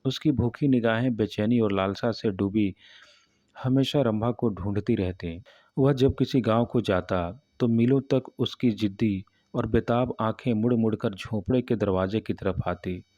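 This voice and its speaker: Low mellow male storyteller, muffled audio. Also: measured pace, dry recording. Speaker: narrator. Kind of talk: storybook narration of a classic tale.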